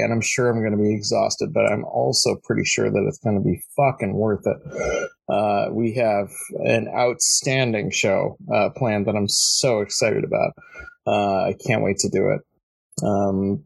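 A man's voice: fairly low pitch, creaky, husky, poor audio. A young man co-hosting a podcast in casual chat, rambling with lots of ums, sounding like he just woke up. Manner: rambling, many ums and restarts, sleepy-sounding. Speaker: podcast co-host.

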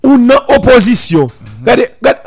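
Animated high-voiced man. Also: a little fast, faint music behind. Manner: animated storytelling with stammered repeats. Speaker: teacher. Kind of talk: radio talk show chat.

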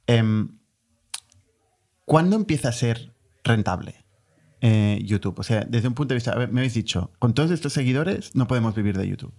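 A man hosting a casual podcast and interviewing his guests. He asks curious questions in a relaxed way and steers the topic, in a medium-pitched voice. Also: moderate pace, long pauses. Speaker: podcast host.

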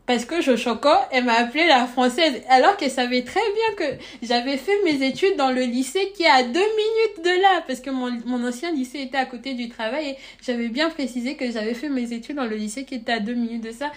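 This young woman's high voice moves briskly with few pauses as she tells a personal story on a podcast. Her accent is Congolese, shaded by French, and her manner is reflective and earnest, turning lively in the retelling.

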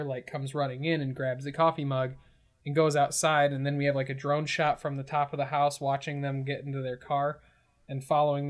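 A man casually describing an imagined film scene, with many fillers. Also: on the high side. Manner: loose, filler-heavy narrating. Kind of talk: casual comedic story pitch.

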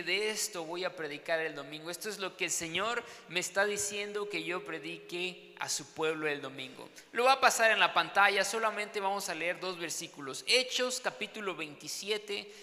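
A Mexican man preaching from the pulpit, his voice pitched high and ringing bright. He tells a personal story with lively, dramatic flair and keeps checking in with the congregation. A long reverb from the church hall trails after every phrase. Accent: Mexican Spanish. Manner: animated, dramatic storytelling with tag questions. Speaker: pastor.

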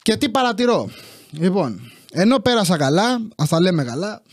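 High, grumbling Greek man ranting. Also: big pitch swings, no echo. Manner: sarcastic, profane, grumbling. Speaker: podcast host. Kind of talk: comic monologue, casual rant. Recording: dry studio sound.

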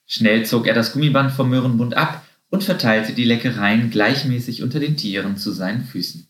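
A man narrating a children's story in a lively, expressive way. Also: medium pitch, moderate pace. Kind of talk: storybook reading. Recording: roomy echo.

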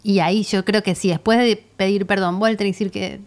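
A woman with a Rioplatense Spanish accent in casual chat, who reacts fast and teases. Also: medium pitch, steady tone, a little mellow. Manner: quick reactive interjections, teasing.

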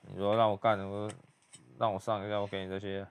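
A young man giving hushed, muttered play-by-play commentary as he reacts to a video. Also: fairly low pitch, flat delivery, fast talker, a little hiss or hum.

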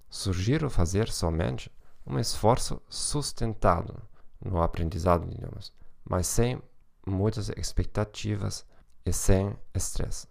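A man with a German accent, a native German speaker, reading a scripted podcast as host in a careful, slightly halting way. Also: sits low, creaky, darkish tone.

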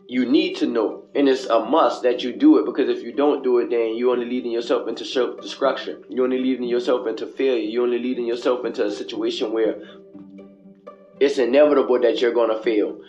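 A man's voice: medium pitch, fairly even intonation, brisk, a little mellow, lo-fi sound, faint music behind. A man hosting his own radio show in a casual, motivational monologue, preachy and repetitive, with street slang and swearing, recorded on a cell phone headset in an echoing bathroom. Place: small indoor bathroom. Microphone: cell phone with headphones.

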